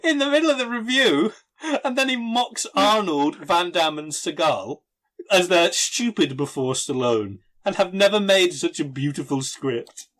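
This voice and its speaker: A man hosts a comic podcast about film reviews. His voice is a little high and very lively in pitch. He talks casually, with emphatic, amused asides. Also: a little slow. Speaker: podcast host.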